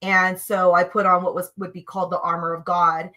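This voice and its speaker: A woman with a bright, forward voice tells personal stories to a host. Her delivery is animated and emphatic, dropping low and quiet, then jumping up loud. It sounds like a casual, conversational podcast. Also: brisk. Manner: animated, emphatic, swings between hushed and loud. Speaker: guest sharing spiritual experiences. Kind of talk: conversational storytelling.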